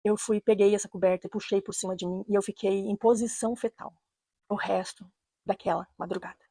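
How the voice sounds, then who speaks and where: Woman, Brazilian Portuguese accent, warm dark tone, husky, dry close sound, earnest personal storytelling. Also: medium pitch, level tone, no echo. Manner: earnest, measured, repeats phrases for emphasis. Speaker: storyteller, channel host. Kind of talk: personal true-story narration.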